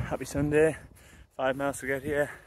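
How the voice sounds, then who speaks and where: A man's voice: mid-range voice, little pitch movement, moderate pace. A man chats casually to a handheld phone while out running, in short broken phrases with a dry, sweary, sardonic manner. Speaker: running vlogger. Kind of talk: casual chat to camera while out on a run. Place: outdoors on woodland trails. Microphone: phone at arm's length. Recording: noisy outdoor phone recording.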